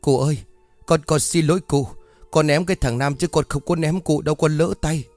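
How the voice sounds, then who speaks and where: A man voicing a loud, quarrelsome village woman who shouts insults in a ghost story. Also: mid-range voice, expressive, a little fast, dry recording, soft background music, lightly acted. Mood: apologetic. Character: loud coarse village woman, quick-tempered.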